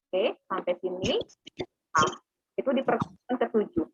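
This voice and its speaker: Over narrow, phone-like online call audio, a teacher briefs her class, laying out plans and frequently checking that students understand. Her mid-range voice is slightly rough, with lively intonation and a moderate pace, and the recording is dry.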